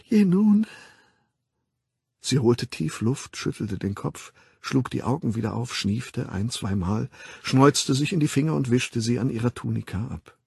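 Husky male audiobook narrator. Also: mid-range voice, moderate pace, darkish tone, no room sound, studio quality. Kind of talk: scripted literary narration.

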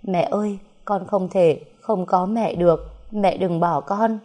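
A woman's voice: lowish voice, steady tone, a little slow, dark tone. A woman voicing a young woman pleading with her dying mother, tearful and desperate. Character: grieving young woman, devoted daughter.

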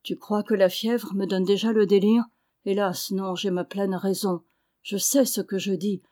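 A woman reading the lines of a seriously ill elderly father who speaks with earnest, measured reasoning. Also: medium pitch, flat delivery, mellow, close to an everyday voice. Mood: grave. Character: ailing elderly father, grave and lucid.

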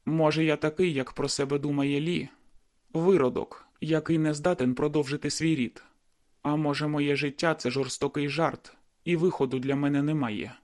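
A man's voice: a little high, fairly even intonation, normal speed, a little mellow. A man reading a first-person novel aloud in a brooding, inward manner. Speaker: audiobook narrator. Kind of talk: first-person audiobook narration.

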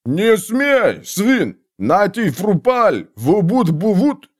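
A man voicing a spiteful, half-mad old male shaman who cackles and mutters gibberish curses in a high, strained voice. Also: big pitch swings, very slow, heavily acted. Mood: shrill spiteful. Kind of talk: audiobook character voice.

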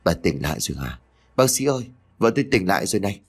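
A man's voice: low-pitched, sing-song, quick pace. Figure: a man doing an anxious guilt-ridden father. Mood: worried. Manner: gruff, pleading under strain.

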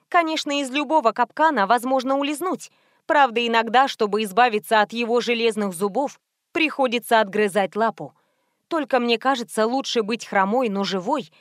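A woman reading an audiobook in the first person, in a wry, even storytelling manner. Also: fairly high pitch, dry recording, studio quality. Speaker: audiobook narrator. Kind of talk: scripted first-person narration.

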